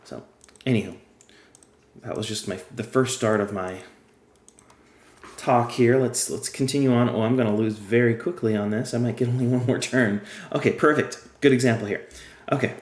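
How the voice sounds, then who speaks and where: This casual gameplay tutorial comes from a game guide creator whose mid-range voice is fading; he talks at a moderate pace, playing a card game and explaining each step conversationally. It's recorded in an echoey room.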